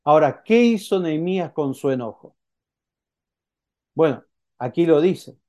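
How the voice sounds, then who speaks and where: A man's voice: on the high side, animated, unhurried, mellow. A male pastor with a Rioplatense Spanish accent, preaching a sermon in a conversational way, often tagging his points with a questioning "eh?" and acting out little quotes. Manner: conversational preaching with frequent "¿eh?" tags and acted quotes.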